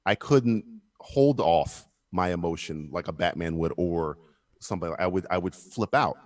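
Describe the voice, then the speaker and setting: A man's voice: low-pitched, normal speed, no room sound, studio quality. Foul-mouthed man arguing hard. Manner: animated, swears a lot, acts out quotes. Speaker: co-host. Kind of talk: heated casual debate. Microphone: video call.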